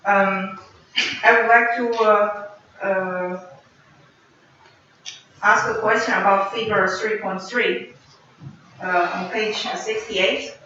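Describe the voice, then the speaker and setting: High-voiced, bright man questioning hesitantly, echoey room. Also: fairly even intonation, takes it slowly, pauses often. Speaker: thesis committee examiner. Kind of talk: formal questioning. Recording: echoey hall, distant mic, dull, faint noise.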